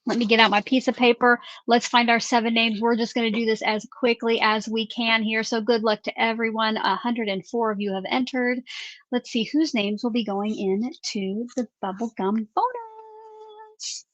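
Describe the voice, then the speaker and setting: A woman's voice: fairly high pitch, moderate pace, fairly bright tone, dry recording, muffled recording. A woman hosting a craft live stream in casual chat. She reads out viewer names and questions in an upbeat way.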